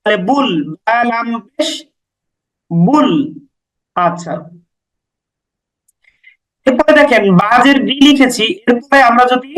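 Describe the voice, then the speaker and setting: A man with a strikingly high voice gives a Quran recitation lesson. He works through each rule patiently, repeating letter names and vowel marks slowly so they stick. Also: fairly bright tone, rough recording. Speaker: Quran teacher.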